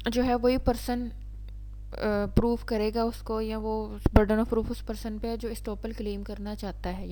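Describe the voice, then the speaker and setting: A law teacher with a Pakistani accent gives an explanatory lecture, alternating between reading definitions and explaining them, restating each point step by step. Her voice is a little high with a dark tone, and the recording quality is low.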